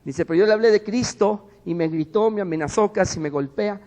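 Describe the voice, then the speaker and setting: Mexican male pastor, high voice, emphatic sermon, church hall reverb. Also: fairly quick. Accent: Mexican Spanish. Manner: emphatic preaching, swings from loud to hushed. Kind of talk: sermon with a personal story.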